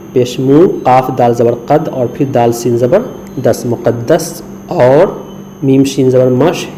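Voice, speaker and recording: A man's voice: mid-range voice, mellow, slight background noise, poor audio. A man from India teaching Urdu script, patiently spelling out letters syllable by syllable and mixing English words into his explanations. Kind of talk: screen lesson.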